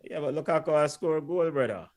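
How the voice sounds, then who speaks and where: A man co-hosting a watch-along stream gives relaxed play-by-play, frequently pleading with the players and the referee. His voice is on the high side with a darkish tone, and he talks fast.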